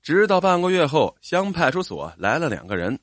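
A male storyteller reading a first-person family story in a scripted narration style. His pitch rises and falls a great deal as he reads, and the delivery is expressive and emotional. The recording is dry and close, with no room echo. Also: normal speed.

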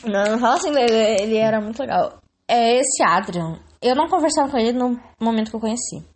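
This young Brazilian woman talks with a high voice that swoops up and down with energy. She chats casually, laughs often and drops casual swears into her stories. Her Brazilian Portuguese accent is easy to hear. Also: expressive, fast talker. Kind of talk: casual chat.

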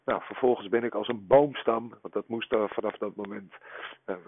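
A man in his forties leaving a rambling voicemail, played back over a phone line, talking haltingly with many hesitations. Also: on the low side, steady tone, no echo. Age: 40s. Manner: halting, full of hesitations and filler sounds. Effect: voicemail message played over a phone line. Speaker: podcast co-host.

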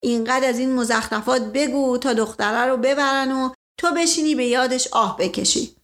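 Woman voicing a theatrical middle-aged nobleman, storybook, blustering, worldly, fairly high voice. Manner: theatrical, exclaims "momento" as a catchphrase.

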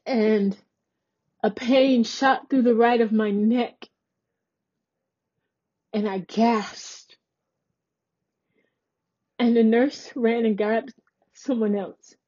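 A woman with a slightly high, husky voice tells her own story to podcast listeners. She recounts it earnestly and emphatically, her tone mellow and soft-edged. The recording sounds dull and lo-fi. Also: fairly even intonation, drawn-out words, long pauses. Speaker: podcast host. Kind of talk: personal storytelling.

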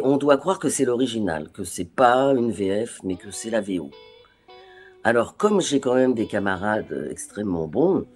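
A woman's voice: very deep voice, breathy edge. A woman voice actress from France, talking in an interview in a hesitant way, with frequent restarts, and acting out the dialogue she remembers. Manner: animated, acts out remembered dialogue. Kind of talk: interview conversation.

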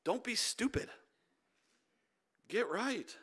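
A man preaching a sermon as pastor in a church, emphatic, swinging between loud urging and quiet intensity. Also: high voice, animated, slow pace, husky.

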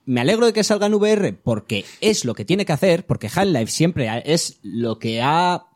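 A man's voice: on the high side, big pitch swings, normal speed, no echo, studio quality. A man, co-hosting a podcast and chatting frankly and earnestly. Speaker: podcast co-host. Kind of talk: casual chat.

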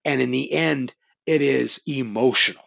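A man's voice: mid-range voice, moderate pace, creaky, fairly bright tone, no echo, highs cut off. A man hosting a show, casually and animatedly retelling horror stories, swearing now and then. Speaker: podcast host. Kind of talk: casual conversation about horror films.

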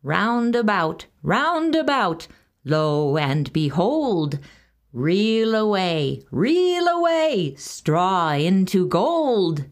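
A woman reading a storybook and voicing a droll, wily little dwarf with a slow, sly drawl that breaks into sing-song chanting. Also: fairly low pitch, very animated, heavily acted.

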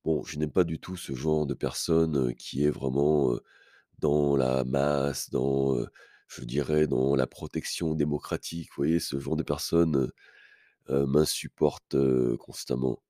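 A man's voice: a bass voice, steady tone, unhurried, warm tone, no echo, studio quality. A man hosting a podcast, telling a story in a casual monologue with many hesitations and fillers, blunt and self-assured in tone. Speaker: podcast host.

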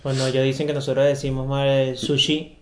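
A man co-hosting a casual chat, teasing and quick to laugh. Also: mid-range voice, completely flat delivery, a little mellow. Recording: echoey room.

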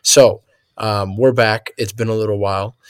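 A young man hosts a relaxed gaming podcast with a lowish voice. He rambles and laughs easily. The sound is close and dry, with no room around it. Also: moderate pace, smooth, no echo. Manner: laid-back, rambling, laughs often. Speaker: podcast host. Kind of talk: casual podcast chat.

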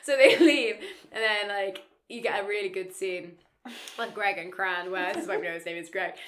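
A woman's voice: mid-range voice, steady tone, moderate pace, a bit bright, slight background noise. A woman co-hosting a casual podcast, recapping a film with crude jokes and frequent laughter. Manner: laughing, crude and playful, quoting lines in mock voices. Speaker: podcast co-host.

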